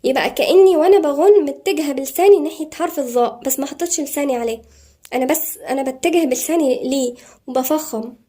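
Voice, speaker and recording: A woman's voice: high-pitched, mellow. Egyptian woman teaching recitation. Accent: Egyptian Arabic. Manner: brisk explanations broken by slow, drawn-out model recitation. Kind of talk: tajweed lesson.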